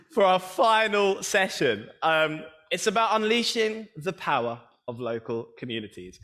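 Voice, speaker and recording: A man's voice: on the high side, fairly bright tone. A man hosting a live event on stage, playful and teasing with the audience. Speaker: event host. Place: large event hall with an audience. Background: audience murmur.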